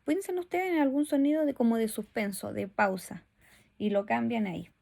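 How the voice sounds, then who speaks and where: Woman teacher with a gravelly edge. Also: fairly high pitch, moderate pace, a little mellow. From Chile. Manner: friendly, checks in with "¿ya?" and "¿cierto?". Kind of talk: recorded video lesson for children.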